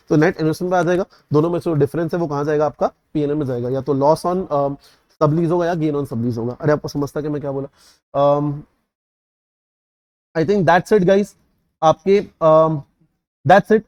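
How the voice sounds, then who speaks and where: A young man teaches at a rapid clip, his voice a little higher than most. The sound is dry and close. He keeps checking that his students have understood. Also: a little mellow, no room sound. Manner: repeatedly checks understanding, mixes English terms into Hindi. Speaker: CA exam tutor. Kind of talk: revision lecture.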